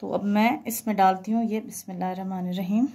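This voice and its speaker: A woman with a mellow, medium-pitched voice narrates a home recipe one step at a time, speaking fast with a steady tone. It's a conversational cooking tutorial voice-over, and she mixes English words into her instructions.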